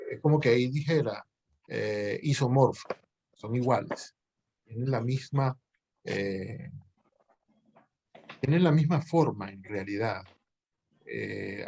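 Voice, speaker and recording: Man teaching grammar with thoughtful pauses. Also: mid-range voice, gravelly, a little mellow, husky, dull audio. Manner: patient, thinks aloud with pauses and self-corrections. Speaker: university language professor. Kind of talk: explanatory lecture to students.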